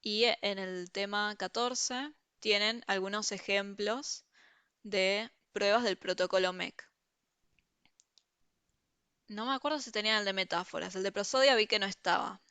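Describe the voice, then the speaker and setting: A woman teaches a university review class over a video call, her voice bright and crisp. She explains each point patiently and step by step, often pausing to check that her students follow. The sound is close and dry, with no room around it. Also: mid-range voice, no echo. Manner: explanatory, checks understanding with frequent "¿sí?".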